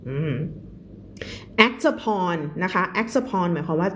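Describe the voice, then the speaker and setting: A woman teaching English on a live stream with a Thai accent. She reads English lines slowly and explains them quickly, laughing often. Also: fairly low pitch, a bit bright, a little hiss or hum. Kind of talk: live-streamed reading lesson.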